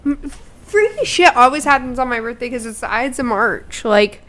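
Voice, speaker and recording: A young woman co-hosting a casual podcast chat, profane and animated as she tells stories. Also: on the high side, normal speed. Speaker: podcast co-host.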